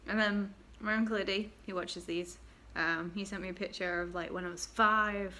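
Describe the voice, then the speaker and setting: Recorded through a laptop webcam at her desk, a young woman from England vlogs casually from a small bedroom. Her mid-range voice has a sharp tone, fairly even intonation and a normal speed, and she giggles and lets sentences trail off into fillers.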